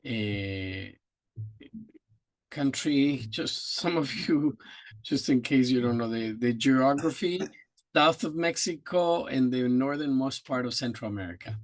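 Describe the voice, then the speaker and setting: An older man from Guatemala talks slowly and gently as a guest in a casual interview. His voice sits in a middle pitch and sounds dry and close. He reflects in measured phrases. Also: lively intonation, no room sound.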